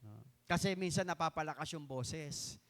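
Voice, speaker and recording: A middle-aged pastor from the Philippines preaching a live sermon to his congregation, often asking "no?" and stretching key words slowly for emphasis. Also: on the high side, lively intonation, fairly bright tone. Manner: keeps adding tag questions "no?" to the congregation. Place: church hall.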